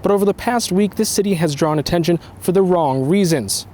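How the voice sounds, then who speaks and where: A man news reporter reads his script with energy and punch. His voice sits high for a man. Faint noise is heard behind him. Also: a little fast, darkish tone.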